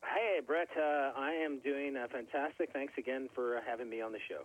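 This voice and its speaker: A man's voice: mid-range voice, moderate pace, soft background music. A middle-aged man from Canada, a record label owner, talking casually as an interview guest, friendly and full of fillers. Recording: tinny phone line, dry.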